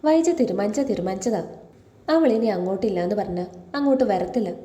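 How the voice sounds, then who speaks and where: A woman's voice: medium pitch, animated, fairly quick, mellow, roomy sound, lightly acted. A woman reading the lines of a cold, scheming middle-aged woman, dismissive and matter-of-fact, in a serial recap.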